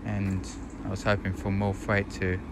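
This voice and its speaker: Low-voiced man amid loud platform noise. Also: monotone, moderate pace, creaky. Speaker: trainspotting video host. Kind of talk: casual live train commentary. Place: outdoor railway station platform.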